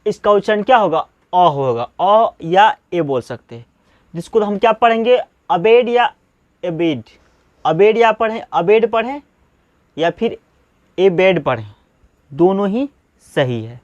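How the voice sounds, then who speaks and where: A man's voice: sits high, very animated, a little slow, dry recording, lo-fi sound. A man teaching English pronunciation, who keeps asking questions and answering them himself. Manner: repetitive question-and-answer drilling, asks then answers himself. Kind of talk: classroom-style spoken lesson.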